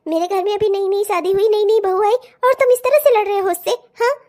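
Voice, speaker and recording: Casting: woman as a high-voiced cartoon mother-in-law, honeyed and sly. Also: fairly quick, a little mellow. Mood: scolding. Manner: coaxing, motherly. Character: soothing middle-aged mother-in-law, cunning. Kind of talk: cartoon voice acting.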